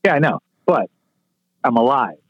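A man's voice: medium pitch, animated, moderate pace, dry recording. A man in his sixties, a retired stage manager, telling stories in a brash, profane way. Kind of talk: casual storytelling interview. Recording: tinny phone-like line, dry.

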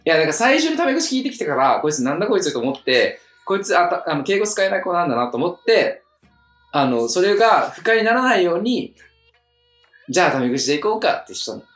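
A man in his thirties co-hosting a podcast in casual chat, talking in a relaxed drawl with sudden high outbursts. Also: fast talker. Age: 30s. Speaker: podcast co-host. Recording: echoey room with faint music behind.

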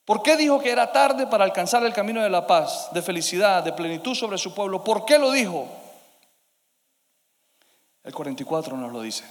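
High-voiced preacher in a reverberant hall. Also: male voice, big pitch swings, normal speed. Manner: dynamic preaching, swinging between loud emphasis and hushed asides. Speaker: pastor. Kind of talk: sermon.

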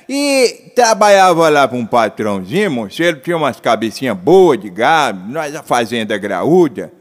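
A man telling comic tall tales as a boastful old backcountry cowboy with a rural Minas Gerais accent, drawling and folksy. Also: measured pace. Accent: rural Minas Gerais Portuguese. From northern Minas Gerais, Brazil. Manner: folksy drawling, lively pitch swings. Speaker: storyteller.

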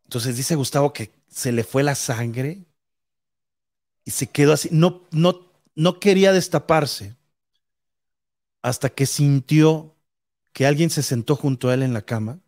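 A man's voice: mid-range voice, unhurried, pauses often, darkish tone. A man with a Mexican accent telling a ghost story in a casual, rambling, suspenseful way.

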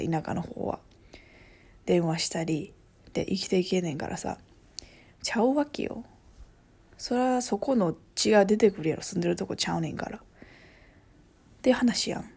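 A woman with a Kansai accent chatting casually as a vlogger, rambling and often dropping to a soft half-whisper. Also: lowish voice, creaky, breathy edge. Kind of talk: casual chat.

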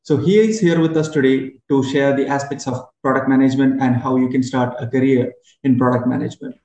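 Mellow-voiced host in an echoey room. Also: male voice, mid-range voice, steady tone, fairly quick, muffled recording. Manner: friendly, hesitant questions with fillers. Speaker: podcast host. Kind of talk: casual interview hosting. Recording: roomy echo with faint music.

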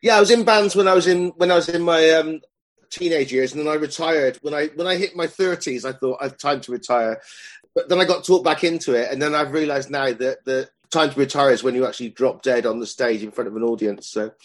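A man's voice: a little high, fairly quick. Chatty man in his fifties. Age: 50s. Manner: rambling, chatty, self-deprecating. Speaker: guest, club promoter and songwriter. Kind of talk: casual chat.

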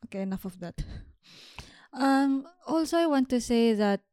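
A woman's voice: fairly high pitch, lively intonation, normal speed, dark tone, no room sound, clean studio sound. Upbeat young woman podcasting solo. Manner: chatty, upbeat, laughs at own slips. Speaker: podcast host. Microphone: home podcast mic.

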